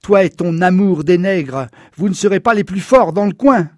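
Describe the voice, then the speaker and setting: Brief: a loud, sneering, menacing mob ringleader, played by a male narrator, raised pitch, dry close sound. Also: normal speed, dry recording, close to an everyday voice.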